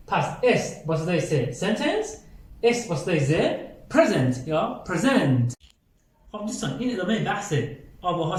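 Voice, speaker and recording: A man with a Persian accent teaching English pronunciation, explaining each letter and repeating example words emphatically. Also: high voice. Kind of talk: language lesson. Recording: echoey room, from far off.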